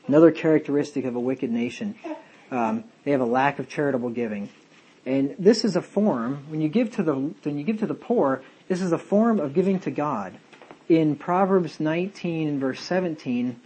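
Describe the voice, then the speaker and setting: A man's voice: on the high side, mellow, slightly rough. A man, a pastor, teaching a Bible study sermon, reading King James verses aloud and explaining them.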